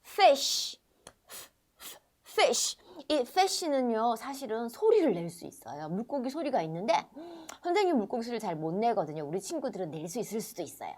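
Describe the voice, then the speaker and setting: A middle-aged woman with a Korean accent teaching children phonics, drawing out English words in a sing-song way and explaining quickly in Korean. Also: a little high, big pitch swings, mellow.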